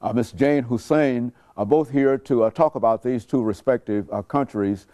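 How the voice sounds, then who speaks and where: A man hosting a television interview, speaking slowly with many hesitant fillers. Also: mid-range voice, mellow. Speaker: host.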